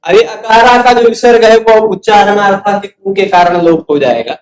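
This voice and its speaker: A man's voice: high-pitched, reverberant, low-quality recording. A man teaching Sanskrit grammar in a patient lecture, sounding out syllables one by one and checking that his students follow. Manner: patient, repeats syllables slowly, asks students questions. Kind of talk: explanatory lecture.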